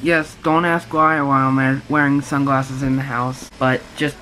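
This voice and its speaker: A man's voice: mid-range voice, little pitch movement, measured pace, pushed and bright, a little hiss or hum, poor audio. A young man in his late teens chatting casually in a home vlog, rambling with lots of fillers and self-corrections. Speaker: vlogger.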